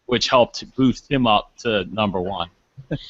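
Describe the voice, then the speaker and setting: A man's voice: fairly low pitch, measured pace, no echo. A man hosting a casual online round-table discussion, talking in a rambling way with many restarts. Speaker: podcast host. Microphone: online call microphone. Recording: dull lo-fi call audio.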